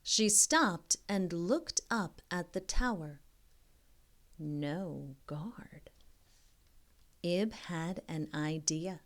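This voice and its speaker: Her voice sits on the lowish side as this woman tutors young children through a picture book read aloud. She reads expressively, pausing to pose questions that prompt the listener.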